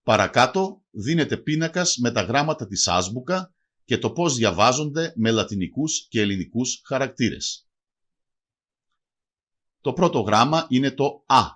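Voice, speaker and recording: A man reading a scripted language lesson, spelling out example words slowly and deliberately. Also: mid-range voice, a bit bright. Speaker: language teacher.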